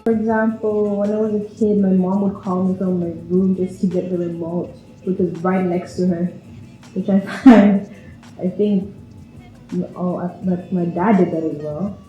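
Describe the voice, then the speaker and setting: Her voice sits on the low side, mellow and at normal speed with little pitch movement, and the recording is muffled with a roomy echo and faint background music. She's a twenty-something from Vienna, Austria, chatting casually in a personal interview and frequently breaking into giggles and laughter.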